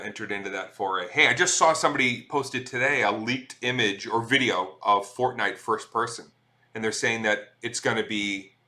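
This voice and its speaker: A man's voice: on the low side, bright, forceful tone. A middle-aged man chatting casually on a live stream, reading viewer messages aloud and swearing freely.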